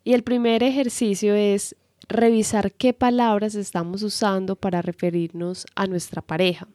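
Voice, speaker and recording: A woman co-hosting a relationship advice talk, calm and explanatory with some false starts. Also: mid-range voice, moderate pace, no echo, clean studio sound. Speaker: co-host and relationship coach. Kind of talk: casual advice talk to viewers.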